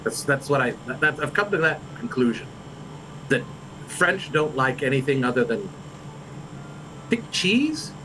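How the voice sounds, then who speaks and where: A man's voice: medium pitch, sing-song, measured pace, pauses often, noisy background. A man hosting a livestream, chatting in character in fantasy improv, stammering and rambling with many restarts. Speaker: livestream role-play host.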